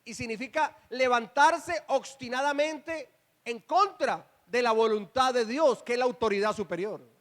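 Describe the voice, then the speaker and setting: High-voiced preaching pastor. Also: male voice, measured pace, fairly bright tone. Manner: preaching with rhetorical questions to the congregation; emphatic, calls for response and repetition. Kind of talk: sermon. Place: church.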